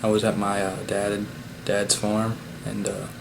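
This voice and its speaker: Low, flat-voiced man recapping a hunt. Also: gravelly. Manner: relaxed, unhurried, many "uh" fillers. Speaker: bowhunter and channel host. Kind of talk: casual hunting vlog talk. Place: at home after the hunt. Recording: steady background noise.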